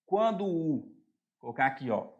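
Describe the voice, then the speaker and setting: A man's voice: on the high side, sing-song, normal speed, muffled recording. A man with a Brazilian Portuguese accent teaching an exam-prep grammar lesson, explaining step by step and often checking that students are following.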